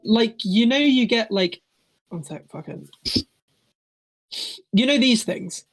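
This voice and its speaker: A game master narrating a tabletop game over a voice call, improvising in a halting, self-correcting way. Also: mid-range voice, lively intonation, soft background music, low-quality recording.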